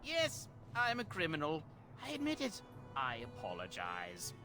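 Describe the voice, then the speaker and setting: An actor playing a sly bandit leader who extorts travelers with a fake toll, sarcastic and scheming. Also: male voice, on the high side, huge pitch swings, unhurried, pushed and bright, soft background music, exaggerated voice. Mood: groveling. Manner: sly, sarcastic, then groveling.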